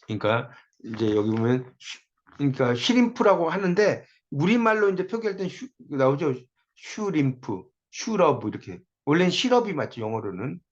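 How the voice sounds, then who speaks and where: A man's voice: a little high, very animated, normal speed. Guy teaching a spelling class, chatty, repeats every word, muffled lo-fi sound. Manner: conversational, repeats words to drill them. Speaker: lecturer. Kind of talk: recorded spelling lecture.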